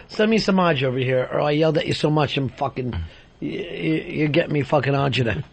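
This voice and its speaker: A man's voice: a little high, normal speed, vocal fry, pauses often, husky. A man hosting a radio talk show, teasing his guests with profanity and frequent laughter. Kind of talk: casual radio banter.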